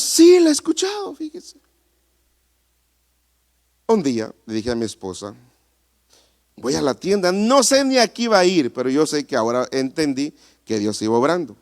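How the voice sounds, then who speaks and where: A man preaching a sermon as pastor in a church, animated, asking the congregation rhetorical questions. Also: fairly high pitch.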